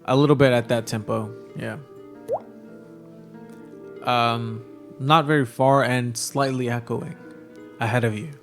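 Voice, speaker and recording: A game master describing a cave scene at a measured pace, filling his pauses with ums. His voice is a man's, mid-pitched, and faint fantasy music plays beneath him. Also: fairly even intonation. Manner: unhurried descriptive narration with frequent ums. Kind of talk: narrating a tabletop game.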